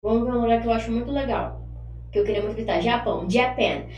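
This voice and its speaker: A woman teaching an online English lesson, chatting casually and drilling phrases slowly for students to repeat. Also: fairly high pitch, distant mic, highs cut off, faint music behind. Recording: echoey room, voice from off-mic, faint hum.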